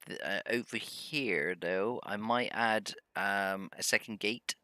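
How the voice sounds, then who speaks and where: A man's voice: lowish voice, slow, pushed and bright, dry recording. A man casually commenting on his own gameplay, rambling with many hesitations and humming to himself. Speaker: gameplay video host. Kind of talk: casual let's-play commentary.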